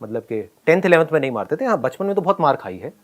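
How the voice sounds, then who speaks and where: Man telling a lively story. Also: a little high, quick pace. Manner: laughs often, acts out his own shouts. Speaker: speaker telling a school story. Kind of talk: animated personal storytelling.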